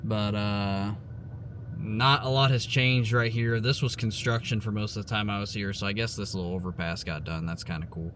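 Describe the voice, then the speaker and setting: A man's voice: on the low side, steady tone, moderate pace, noisy background. Man, 30s, from Ohio, casual driving vlogger, loose and chatty with filler words. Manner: rambling, chatty, filler-heavy. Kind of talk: casual talking while driving. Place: in a car.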